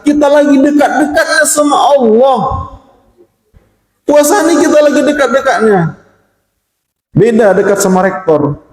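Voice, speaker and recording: Man, humorous Ramadan lecturer, animated and teasing, echoey hall. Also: normal speed, pauses often. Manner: joking, animated, acts out prayers in high voice. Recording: echoey hall with long reverb.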